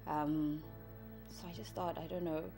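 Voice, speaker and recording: Her voice is low-pitched and dark, moving little in pitch and running a little slow. She is a church member in her early thirties with a Zimbabwean accent and native Shona, giving a hesitant, reflective testimony of her life, with music in the background.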